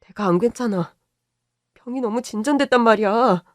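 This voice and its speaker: A man's voice: high voice, normal speed, a little mellow, no room sound, clean studio sound. A voice actor playing a caring young adult son, a doctor, who talks insistently to his parents. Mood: worried.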